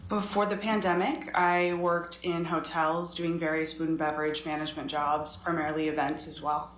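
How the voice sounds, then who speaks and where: Low-voiced woman in an echoey courtroom recording. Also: level tone, a little hiss or hum. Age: 30s. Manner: measured, earnest, pausing often. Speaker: trial witness. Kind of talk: courtroom testimony.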